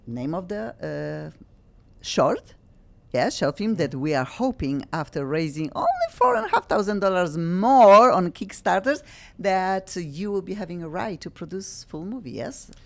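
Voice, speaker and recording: On her English talk radio show, a woman speaks low and gravelly with a sing-song lilt. Her non-native English is halting, and she frequently breaks off to restart or find the right word.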